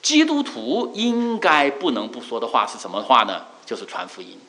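A middle-aged male preacher giving a sermon, earnest, repeating key phrases with drawn-out fillers. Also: medium pitch, huge pitch swings, pushed and bright, rough recording.

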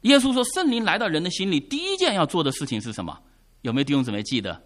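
Guy preaching a sermon, kinda high voice, swings up and down a lot, asks the crowd stuff then answers himself. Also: quick pace. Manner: animated preaching, rising to emphatic questions and dropping to soft asides; asks the congregation questions and answers them himself. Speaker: pastor.

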